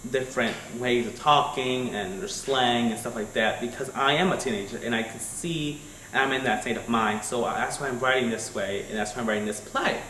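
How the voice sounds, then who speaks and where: A teenage boy, a student, gives a class presentation in a halting way, restarting and repeating phrases. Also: medium pitch, bright, forceful tone. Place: school room. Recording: echoey room with faint mains hum.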